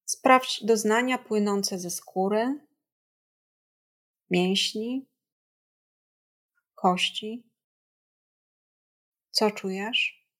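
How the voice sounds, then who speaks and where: A woman guiding a body scan meditation in a gentle, calm, soothing and measured way, leaving long pauses. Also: medium pitch. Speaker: meditation guide.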